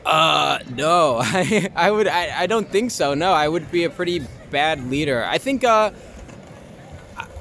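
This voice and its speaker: This Long Island native, a young actor and filmmaker, answers a street interviewer in a relaxed, informal way, working out his thoughts as he goes. His voice sits a little high, with lively intonation, a slightly slow pace, and a sharp edge. The clip was captured outdoors in the city amid loud traffic.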